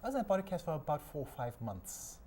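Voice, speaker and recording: A man from South Africa with a South African accent, a studio guest telling his life story in a measured, inspirational way. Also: fairly high pitch, sing-song, dark tone, a little hiss or hum. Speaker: guest, sailor and keynote speaker. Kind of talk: interview storytelling.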